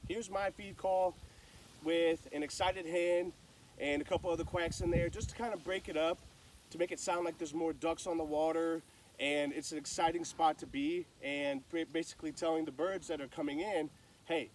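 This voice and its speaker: A man's voice: on the high side, fairly even intonation, moderate pace, recorded from a distance, a little hiss or hum, low-quality recording. A man giving casual, folksy, plain-spoken instruction as a hunter sharing calling tips.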